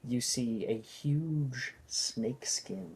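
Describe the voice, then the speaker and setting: A game master narrating a tabletop fantasy game, describing scenes in a halting, improvised way. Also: medium pitch, animated.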